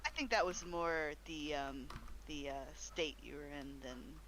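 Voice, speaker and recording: A friend keeping a streamer company, chatting in a relaxed, rambling way with lots of "like". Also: medium pitch, unhurried, slight background noise, poor audio. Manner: relaxed, rambling, many likes. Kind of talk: casual chat.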